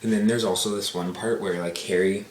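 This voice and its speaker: A man's voice: deep voice, fairly even intonation, a little fast, far from the mic. A man casually retelling a movie in a rambling way, filling his talk with "like". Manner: rambling, heavy use of "like". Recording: roomy echo, faint noise.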